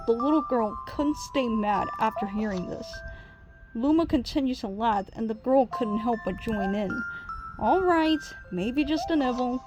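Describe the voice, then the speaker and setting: A woman reading a children's storybook aloud in a gentle, even narrating voice. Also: a little high, poor audio. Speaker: storybook reader. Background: soft music.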